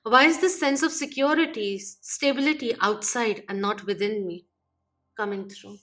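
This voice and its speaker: A woman giving a channeled tarot reading, gently and reflectively listing what each card means. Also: fairly high pitch, normal speed, faint music behind. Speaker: tarot reader.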